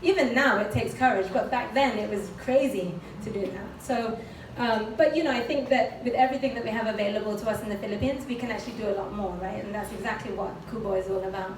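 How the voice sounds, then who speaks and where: A British woman from the United Kingdom talks fast with hardly any pauses, her voice medium in pitch. Giving a conference talk with slides about her personal story, she is chatty and candid, using frequent fillers and light laughs. The room is echoey, the mic distant, and there's background noise.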